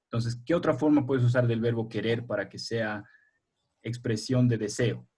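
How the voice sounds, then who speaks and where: Husky-voiced man teaching a class online. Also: mid-range voice, fairly even intonation, moderate pace, mellow. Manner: patient, explains step by step and quizzes pupils. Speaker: primary school teacher. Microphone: video call.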